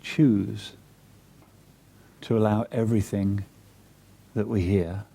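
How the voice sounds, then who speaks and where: A man with a lowish voice leads a guided meditation. His soft, breathy speech is soothing and deliberate, broken up by long pauses between phrases.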